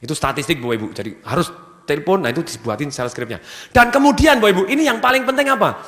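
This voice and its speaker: A man's voice: fairly high pitch, rapid-fire. A man giving a motivational business seminar to a live audience, energetically firing questions for them to finish. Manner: energetic, keeps asking the audience fill-in questions. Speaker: seminar speaker. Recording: long hall reverb from a venue PA.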